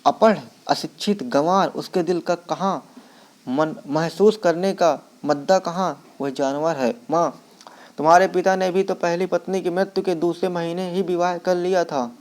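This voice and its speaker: Male reader as grieving, angry young husband; slightly high voice, emotional reading. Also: steady tone, measured pace, a little mellow. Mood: anguished.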